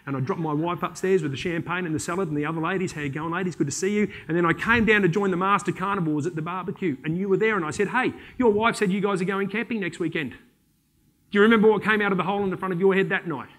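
An Australian man giving a conference keynote, telling comic stories and briefly slipping into voices for the people in them. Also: high-pitched. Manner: animated, joking, slips into quick voices for people in his stories. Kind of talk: comic storytelling talk to an audience.

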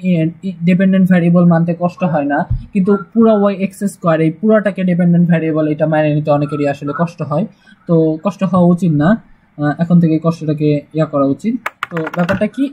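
A man's voice: sits high, dark tone, husky, poor audio. A man teaching a casual math lesson, chatty and joking, with frequent "uh" fillers. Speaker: math tutor.

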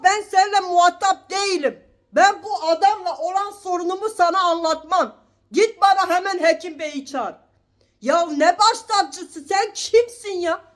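A woman with a very high voice plays a litigant in an improvised comedy sketch. She talks slowly and bosses everyone around. She scolds them in long, indignant rants. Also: fairly bright tone. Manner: bossy, combative, scolding.

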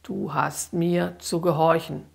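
A woman voicing a cruel male demonic alter who speaks in a dark, staccato, mocking tone of command. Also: low voice, flat delivery, slow pace, creaky, full character voice. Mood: menacing.

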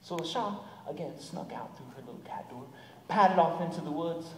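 A man's voice: a little high, normal speed. A man telling a folktale live, coaxing listeners to repeat words and dropping to whispers. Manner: animated, coaxes audience to repeat words, drops to whispers. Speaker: storyteller. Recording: echoey hall from far off, noisy.

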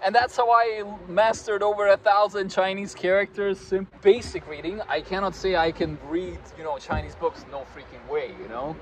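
Seated at an outdoor park table on a sunny day, a man in his thirties from Croatia chats as a guest, full of fillers and jokes at his own expense. His voice sits high with a steady tone at a normal pace, and he hardly pauses. Traffic noise and a crowd are audible in the background.

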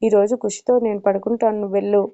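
A woman's voice: mid-range voice, level tone, fast, mellow, close to an everyday voice. A woman voicing an older mother-in-law who is firm and scolding but caring. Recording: dull lo-fi recording.

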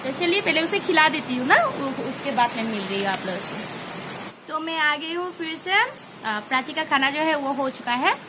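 A woman's voice: high voice, lively intonation, moderate pace, noisy background. A woman chatting casually as a mother vlogging at home, laughing often with many fillers. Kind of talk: casual home vlog chat. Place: home indoors, rain outside.

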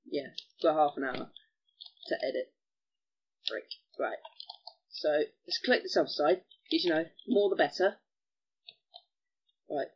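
Excitable guy narrating gameplay. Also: a little high, slightly rough, lo-fi sound. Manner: chatty, excitable, mild cursing. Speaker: gaming channel host. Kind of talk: casual gameplay commentary.

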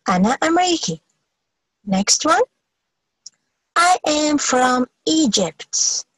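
A woman teaching an English lesson, saying each phrase slowly and clearly, repeating it, then giving the translation. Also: high voice, fairly bright tone, no echo, low-quality recording. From Algeria. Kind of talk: bilingual English lesson, slow model phrases.

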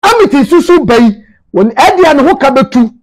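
This commentator, a Ghanaian-accented man in his thirties, speaks to camera informally in a small indoor office, emphatically repeating himself. His voice is extremely high-pitched, animated and brisk.

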